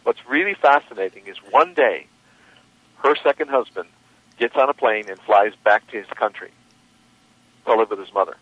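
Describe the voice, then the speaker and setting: A man's voice: fairly low pitch, expressive, normal speed, pauses often, a bit bright, breathy edge, no echo. A man hosting a radio show as a coach, probing his guest with questions and repeating key phrases for emphasis. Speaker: radio host and life coach. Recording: dry, dull lo-fi radio audio.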